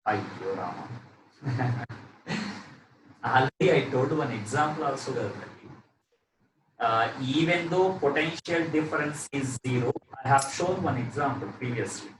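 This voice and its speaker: A man's voice: medium pitch, normal speed, pauses often. Male teacher, South Indian accent, live lesson delivery with repeated phrases; roomy, noisy recording. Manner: repeats phrases, often tags with "okay". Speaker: physics teacher. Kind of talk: live lesson, working through problems and questioning a student. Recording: roomy echo, distant mic, noisy background.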